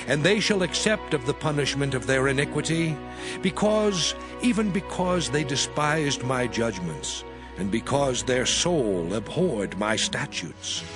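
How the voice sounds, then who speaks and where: A man playing God as a solemn, stern deity, declaiming in measured archaic English in a dramatized scripture reading. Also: mid-range voice, close to an everyday voice.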